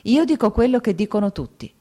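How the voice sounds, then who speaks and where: A woman's voice: a little high, animated, a little fast, mellow, voice pushed up. A woman reading the lines of a gossiping aristocratic mother, arch and knowing.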